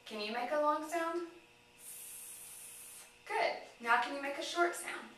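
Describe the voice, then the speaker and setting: A woman with a high voice talks to a child in a therapy session, drawing out each word slowly. Her speech is exaggerated and encouraging. She is recorded from a distance in a very echoey room. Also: a bit bright, a little hiss or hum. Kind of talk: child-directed therapy demonstration. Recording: echoey room, mic far off.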